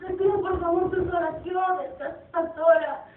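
A woman's voice: very high-pitched, fairly even intonation, measured pace. A young woman in an amateur church play, acting a worried widowed mother who pleads tearfully with her son. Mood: pleading. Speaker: church youth actor. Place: church hall. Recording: distant, echoey, tinny.

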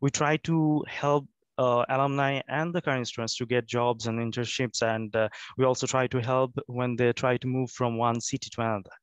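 A man's voice: mid-range voice, steady tone, normal speed, smooth, no room sound. A man representing an alumni association, giving a hesitant remote presentation with many fillers and restarts, sleepy from jet lag.

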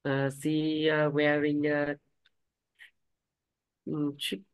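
A man's voice: fairly high pitch, completely flat delivery, drawn-out words, clean tone, no echo, poor audio. A man with a Vietnamese accent, a student reading an English description aloud, hesitant with many fillers.

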